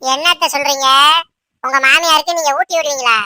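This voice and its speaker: A woman's voice: high-pitched, fairly even intonation, brisk, sharp tone, dry recording. A woman voicing a put-upon young daughter-in-law in a cartoon, pleading and grumbling under her breath. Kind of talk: cartoon voice acting.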